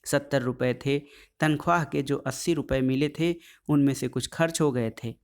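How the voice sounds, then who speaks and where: Guy reading a story out loud, first person, calm and steady, mid-pitched voice. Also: moderate pace, clean tone. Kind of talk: scripted narration of a short story.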